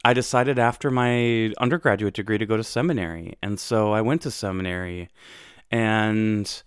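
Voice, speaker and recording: Speaking at a normal speed in a fairly low, clear and resonant voice, a young American podcast host recounts his personal story thoughtfully, often using fillers and starting over. The studio sound is clean with no echo.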